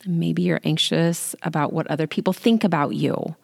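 Here a late-forties woman who works as a life coach runs her solo podcast, speaking casually and self-deprecatingly into a handheld microphone lacking a pop filter. Her deep voice has vocal fry and a steady tone at normal speed. She records sitting on the floor in a small closet at home, and the result is dry and studio quality.

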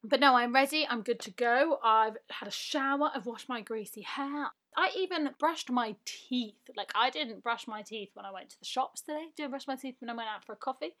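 A woman's voice: on the high side, normal speed, hardly any pauses, pushed and bright. A young woman hosting a casual podcast, chatty and self-mocking, often laughing as she reads listener emails. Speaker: podcast host.

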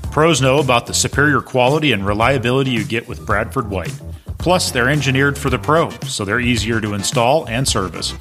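A man's voice: medium pitch, fairly quick. A man reading scripted podcast sponsor ads as an announcer, in a polished, salesy delivery. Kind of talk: scripted ad read. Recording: music under the voice. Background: music.

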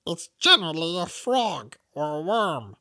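A reader doing a blunt storybook duck that questions everything in a matter-of-fact way. Its voice is bright and swings widely in pitch. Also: big pitch swings, measured pace, no echo. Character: blunt literal-minded duck.

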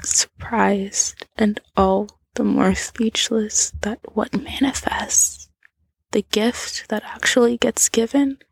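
A woman narrating a whispered role-play, speaking softly and intimately to the listener on a close mic. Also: medium pitch, fairly even intonation, takes it slowly, creaky, slightly rough, no room sound.

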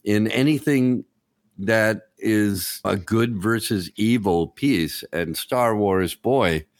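A low-voiced man hosts a casual podcast chat, enthusiastic and joking as he talks. He is recorded close on a dry mic. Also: takes it slowly, dry recording. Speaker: podcast host.

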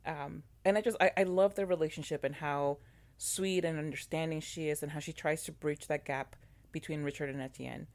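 Deep-voiced woman, talkative co-host, lots of restarts and fillers. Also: a little fast. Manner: animated, many fillers and restarts. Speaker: podcast co-host. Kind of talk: casual chat about a TV show.

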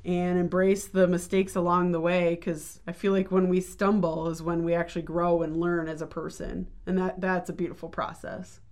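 A podcast host in a casual chat about faith, agreeable and encouraging. The host keeps affirming the guest and is quick to laugh along. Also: mid-range voice, flat delivery, darkish tone.

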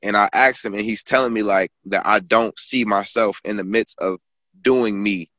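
A guest author and poet in his twenties rambles through stories in casual conversation, full of fillers and restarts. His voice is fairly low and fairly bright, with fairly even intonation, normal speed, and no room sound.

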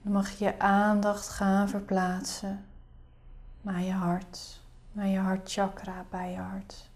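Soft half-whispering woman guiding meditation. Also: mid-range voice, completely flat delivery, slow pace. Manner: soft, breathy, half-whispered, soothing delivery. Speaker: guided meditation leader. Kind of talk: guided meditation.

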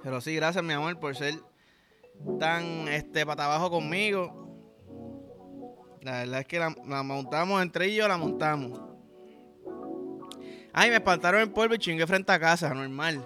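Music plays behind a Puerto Rican man whose fairly high voice moves at a moderate pace with long pauses. Hosting his podcast, he rambles through a crude, profanity-filled story full of slang, in a Puerto Rican Spanish accent.

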